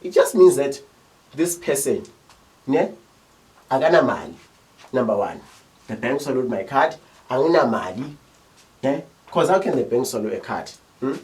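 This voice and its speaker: A man's voice: mid-range voice, a little mellow, far from the mic, poor audio. A young South African man giving a casual video lesson, chatty and often checking in with rhetorical questions. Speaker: teacher.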